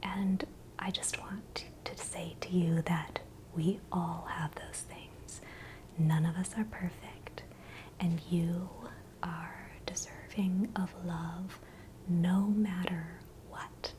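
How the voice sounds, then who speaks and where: A woman giving a gentle, encouraging, unscripted ASMR pep talk in a breathy, unvoiced whisper. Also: lowish voice, little pitch movement, takes it slowly, rough recording. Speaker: ASMR channel host. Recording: clear background noise, ambient hiss.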